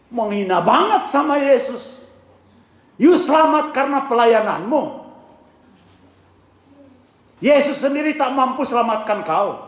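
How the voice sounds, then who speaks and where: A male pastor preaching a sermon with a hoarse voice, swinging from hushed tones to shouting and mixing English phrases into his talk. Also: very high voice, echoey room. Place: church.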